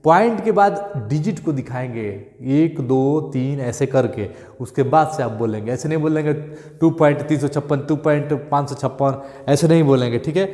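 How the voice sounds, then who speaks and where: A male maths teacher, repeating steps and checking in often with "thik hai" and "clear". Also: a little high, normal speed, warm tone, in a large hall. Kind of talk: classroom maths lesson.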